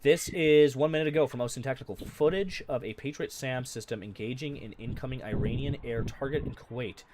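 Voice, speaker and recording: A man's voice: mid-range voice, a little fast, darkish tone, a little hiss or hum. A man hosting a live breaking-news stream, reading viewer comments aloud and talking unscripted with frequent fillers. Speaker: livestream news host.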